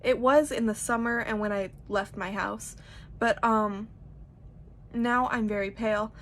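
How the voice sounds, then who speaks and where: A woman's voice: a little high, steady tone, a little slow, a bit bright, a little hiss or hum. A young woman giving a casual, chatty tutorial, rambling informally with lots of "like". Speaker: makeup tutorial host.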